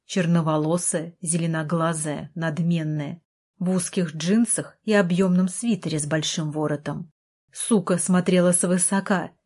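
A woman narrating an audiobook in a steady storytelling voice. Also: fairly low pitch, breathy edge. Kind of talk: scripted narration.

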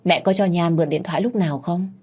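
A woman reading a story aloud, voicing a sharp-tongued young daughter who talks in an indignant, pressing way. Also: fairly low pitch, fast talker, slightly rough. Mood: insistent.

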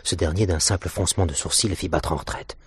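A man narrating a 1960s radio play with a very deep, gravelly, raspy voice. His delivery is hushed and dramatic. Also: fairly even intonation, quick pace, dry recording, studio quality.

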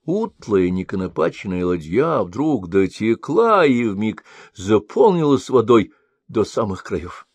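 A man narrating an old folk-style tale in a measured, expressive storytelling cadence. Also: fairly low pitch, husky, no echo.

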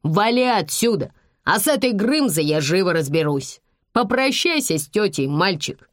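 A woman playing a loud insulting male thug. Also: mid-range voice, very animated, dry recording, clean studio sound, natural voice. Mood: threatening. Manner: shouting, drawn-out threats.

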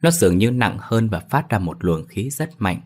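A man narrating a ghost story in a steady, ominous tone. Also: fairly low pitch, normal speed.

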